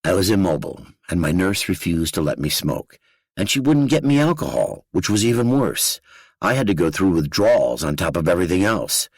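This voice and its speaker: A man's voice: low voice, expressive, brisk, slightly rough, dry recording, studio quality. A man narrating a first-person true crime audiobook in a blunt, gritty, profane storytelling manner.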